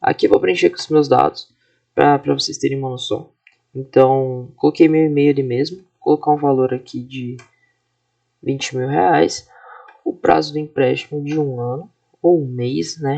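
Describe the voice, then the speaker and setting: A man in his twenties from Brazil, a student walking through his software project in a casual, explanatory way, often checking in with his listeners. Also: mid-range voice, fairly even intonation, normal speed, gravelly. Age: 20s. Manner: casual, explanatory, frequent fillers and tag questions. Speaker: student presenting a class project. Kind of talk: screen-recorded software walkthrough.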